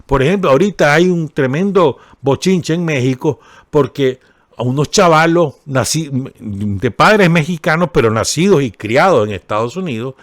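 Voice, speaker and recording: A man's voice: fairly high pitch, expressive, normal speed, no echo. A man with a Nicaraguan Spanish accent giving radio commentary, talking casually and checking in with his listeners as he reads and remarks on a column. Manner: conversational, asks listeners for agreement, ironic asides. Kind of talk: spoken commentary reading and discussing a column. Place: radio studio.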